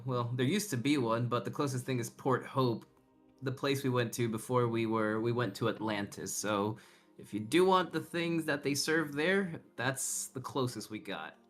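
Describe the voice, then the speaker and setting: A man working as game master, narrating an online tabletop game in a halting, casual, conversational way. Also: mid-range voice. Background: background music.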